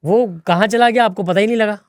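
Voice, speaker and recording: A young man playing an overconfident failed singer as a comedy guest, speaking slowly and self-importantly with halting pauses. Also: sits high, no room sound, studio quality, natural voice. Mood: smug. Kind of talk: comedy interview sketch.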